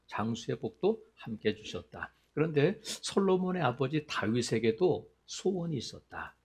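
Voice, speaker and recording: A middle-aged man preaching a sermon in a gravelly voice that climbs and falls widely. He tells stories, acts out the people in them and asks his listeners questions. His voice sits somewhat high for a man. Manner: animated storytelling, acts out quoted voices. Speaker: pastor.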